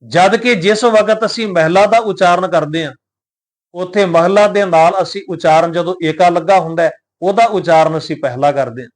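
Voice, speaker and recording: High-voiced man teaching scripture pronunciation. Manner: addresses the congregation, poses rhetorical questions; measured, explanatory delivery. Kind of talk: devotional teaching talk.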